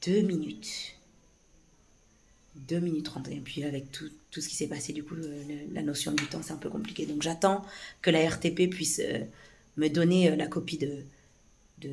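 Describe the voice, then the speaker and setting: A woman with a hoarse voice telling a story to camera in a casual, agitated way, with many hesitations and restarts. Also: low voice, moderate pace, darkish tone. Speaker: vlogger recounting a police incident. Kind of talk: casual spoken account to camera.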